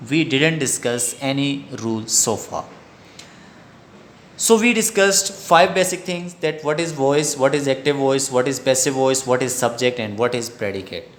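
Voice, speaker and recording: A man's voice: mid-range voice, normal speed, a bit bright. A man with a Pakistani English accent giving a recorded grammar lecture, repeating each key sentence twice.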